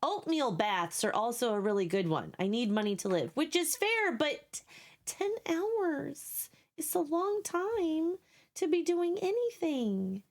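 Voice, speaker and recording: A young woman streams live and chats casually with her viewers in a high, sing-song voice that moves slowly. She sounds scratchy and sleepy, and she's blunt and sarcastic, swearing freely and repeating herself as she goes.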